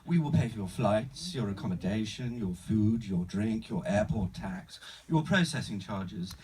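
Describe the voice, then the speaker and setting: A man acts out an unflappable travel agent at a screenplay table read. His pitch swings widely as he sells with formal, slightly sinister courtesy. The recording is distant, with noticeable noise in the room. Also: animated, a little slow, a little mellow. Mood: polite, salesman-like. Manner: formal, courteous, salesman-like, calls the customer sir.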